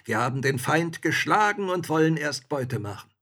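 A brash, ravenous fairy-tale soldier, as a man puts him on, loud and cocky, pitched well above a husky speaking voice. He swings his lines up and down with great liveliness and never sounds afraid. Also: expressive, moderate pace. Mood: boisterous. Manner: boisterous and swaggering. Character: bold hungry cheeky male soldier.

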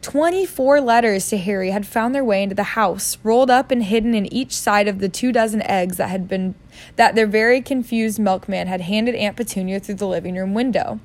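A woman's voice: medium pitch, brisk, darkish tone. A woman reading a novel aloud in a casual way, joking about her own misreadings. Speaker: reader.

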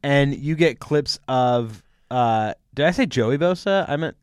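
Young male co-host, casual and opinionated, smooth voice, recorded dry and close. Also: medium pitch, expressive, no echo. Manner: opinionated, rambling, quick to laugh. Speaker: podcast co-host. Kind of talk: casual sports chat.

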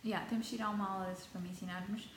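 Teen girl vlogger, European Portuguese accent, chatty and dramatic, mid-pitched voice, roomy echoey sound. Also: fairly even intonation, very fast, background noise. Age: teens. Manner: chatty, dramatic, mixes in English words. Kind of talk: casual chat to camera. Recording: echoey room with faint ambience.

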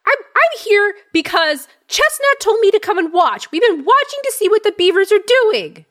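A tiny, timid young gnome , put on by a woman game master, squeaks high above any normal speaking voice. He stammers and begs in a shaky, jumpy way, with a voice that swoops widely. It is a tabletop game voice. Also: sing-song, normal speed, fairly bright tone, exaggerated voice. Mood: nervous. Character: small frightened young male gnome.

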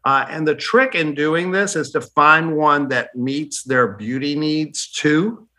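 Casting: chatty skincare specialist, male, bright tone, rambling restarts. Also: on the high side, slow. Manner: rambling, self-correcting, chatty. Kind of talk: casual panel chat.

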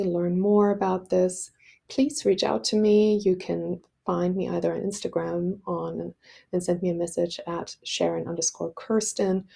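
A woman's voice: fairly low pitch, vocal fry, dark tone, slightly rough. A woman speaking as a host and coach, giving a plain spoken introduction. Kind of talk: spoken introduction with contact details.

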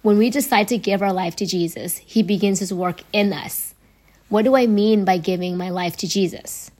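A young adult woman hosting a faith podcast, her voice hoarse and raspy from laryngitis, talking in an earnest, conversational way. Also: mid-range voice, moderate pace, darkish tone. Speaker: podcast host.

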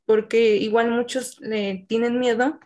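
A woman's voice: a little high, fairly even intonation, unhurried, dark tone. A woman, an English teacher, explaining at length in a casual interview with many fillers.

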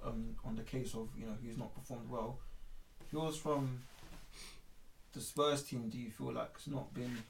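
A man's voice: medium pitch, little pitch movement, unhurried, creaky, long pauses, far from the mic. Man in an echoey room. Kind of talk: casual football discussion. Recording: echoey room, off-mic, faint noise.

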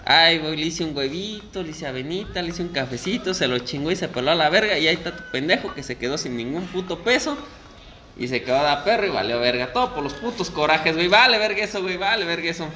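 Rowdy, profane Mexican storyteller. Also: male voice, a little high, expressive, fast, sharp tone. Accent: Mexican Spanish. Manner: rowdy, profane, acts out the people in his stories. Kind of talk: casual crude anecdote telling.

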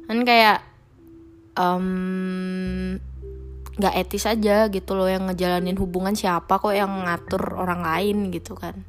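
Speaking slowly in a lowish, level voice, this young podcast host talks alone on her show with soft background music. Her talk is casual, candid and slangy, sprinkled with English phrases.

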